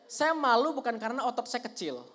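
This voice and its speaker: A man's voice: very high-pitched, fairly quick, background noise. Teasing young stand-up comedian, man. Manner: lively, teasing, talks to the audience.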